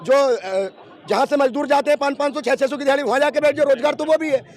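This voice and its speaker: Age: adult. Sex: man. Pitch: very high, strained. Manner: argumentative, full of rhetorical questions. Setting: heated street debate outdoors. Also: fast talker. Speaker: debate participant.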